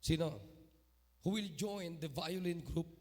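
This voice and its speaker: A man pastor preaching a sermon in church, lively and mixing in English phrases, calling on members of the congregation by name. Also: fairly high pitch, slow pace. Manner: mixes English phrases into his talk.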